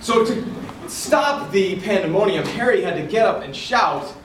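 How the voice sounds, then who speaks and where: A man giving a tall tale speech in a theatrical storytelling manner with deliberate dramatic pauses, recorded indoors. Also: high voice, expressive, a bit bright. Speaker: contestant in a club speech contest. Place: indoor room before an audience. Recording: echoey room, far from mic, noisy.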